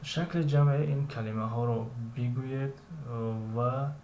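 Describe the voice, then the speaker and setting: A man with a Tajik accent teaching English, reading English lines slowly and explaining them with frequent hesitations. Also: medium pitch, fairly even intonation, a little mellow. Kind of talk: recorded language lesson. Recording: echoey room with faint ambient noise.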